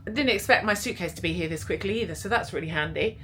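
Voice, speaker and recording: A British travel vlogger with a fairly low, fairly bright voice talks fast during a casual vlog chat on board a cruise ship. Her delivery is chatty and rambling, packed with fillers, over clearly audible music and a little hiss or hum.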